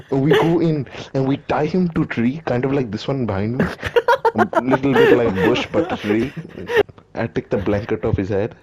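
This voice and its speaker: Here a man's mid-range, slightly mellow voice, lightly acted, plays a bragging storyteller from Delhi recounting his teenage exploits in a rambling comedy monologue, chuckling at his own jokes. It was captured in a dull recording with faint noise.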